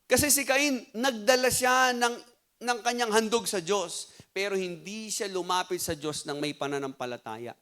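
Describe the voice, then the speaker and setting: Filipino man, pastor, sermon, high voice, animated, switches between Tagalog and English. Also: normal speed.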